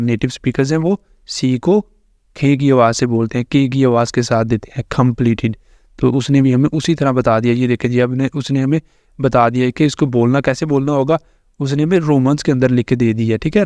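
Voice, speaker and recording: A man, explaining English grammar and pronunciation slowly and repetitively in a tutorial. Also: mid-range voice, darkish tone, no room sound, lo-fi sound. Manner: slow, repetitive explaining with frequent fillers. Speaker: English teacher. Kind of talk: screen-recorded tutorial explanation.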